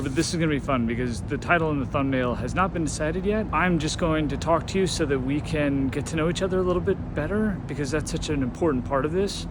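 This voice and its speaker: A man's voice: fairly high pitch, noisy background. A man chatting casually and candidly as a vlogger, thinking aloud in a self-deprecating way.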